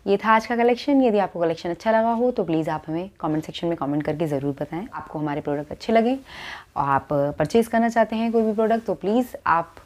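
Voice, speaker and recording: A woman's voice: lowish voice, fast talker, a little mellow, a little hiss or hum. Woman giving ordering instructions. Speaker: shop presenter. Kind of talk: video sign-off with ordering details.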